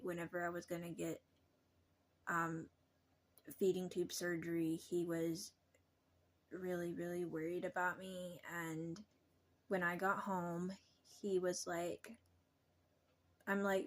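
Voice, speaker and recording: A young adult woman talking casually to her vlog viewers, halting and pausing often mid-sentence. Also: lowish voice. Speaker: vlogger.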